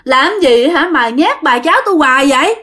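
A stern, indignant old great-grandmother scolds unseen spirits in a high, lively voice that rises and falls a great deal, as a woman storyteller puts her on. She speaks with a reproachful, insistent tone. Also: moderate pace. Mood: reproachful pleading. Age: older.

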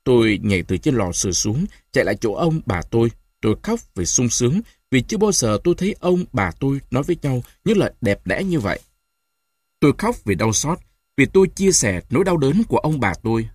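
An expressive male audiobook narrator telling a story with a lively, varied pitch. His delivery is animated and engaged. The recording is dry and close to the mic. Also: fairly quick, husky, no echo.

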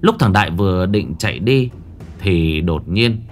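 Male ghost story narrator, low voice with a lively, swooping delivery, faint music underneath. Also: unhurried. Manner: expressive, dramatic storytelling. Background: faint background music.

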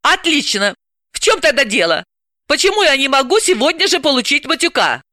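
A woman's voice: high-pitched, very animated, a little fast, pushed and bright, dry recording, studio quality, pitched above the performer's own voice, exaggerated voice. A woman reader voicing an indignant, ironic female psychoanalyst. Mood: wary. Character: exasperated sharp-tongued woman psychoanalyst.

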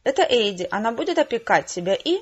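A woman reading an audiobook who voices a brisk, chummy female PR agent with breezy, theatrical, playfully condescending talk. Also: fairly high pitch, sing-song, slightly rough, highs cut off.

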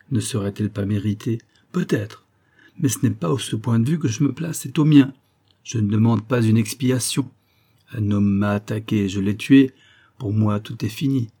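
A wounded colonel pleading his case with earnest warmth from a sickbed, as a man reads him in a storybook. The voice is dark and husky, low in brightness and clarity.

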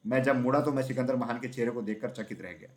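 Male storybook narrator, steady and even, mid-range voice. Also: mid-range voice, fast talker. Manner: steady, even reading with small slips.

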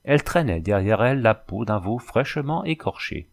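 A man reading a novel aloud as narrator, in a steady, even storytelling manner. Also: fairly low pitch, normal speed, creaky. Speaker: audiobook reader.

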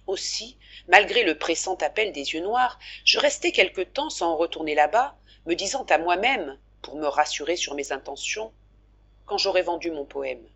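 Husky-voiced woman reading a novel. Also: on the low side. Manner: measured, expressive storytelling. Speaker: audiobook narrator. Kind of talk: audiobook reading of a classic novel.

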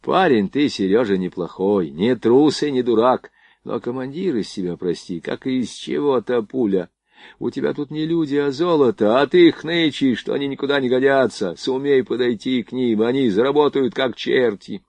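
A man voicing a big, bold, swaggering army lieutenant who barks gruff commands, in a high and loud voice. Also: moderate pace, no echo, natural voice. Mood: teasing, blunt.

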